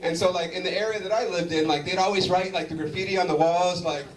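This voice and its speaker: Onstage at a comedy venue, a high-voiced man from Southern California jokes at a quick pace, animated and loose with fillers as he trades banter with the audience. The mic sits at a distance in the roomy space, picking up crowd noise and laughter.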